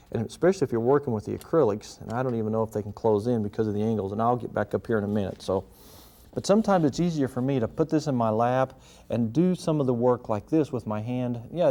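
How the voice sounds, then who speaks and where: A man giving a gentle, folksy painting lesson, talking casually and step by step as he demonstrates. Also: mid-range voice. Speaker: painting instructor and show host.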